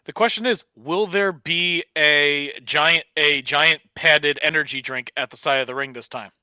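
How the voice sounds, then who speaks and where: Guy on a wrestling podcast, real bright edgy voice, kinda muffled mic. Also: fairly high pitch, unhurried, clean tone, dry recording. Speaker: panelist. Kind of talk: casual wrestling panel talk.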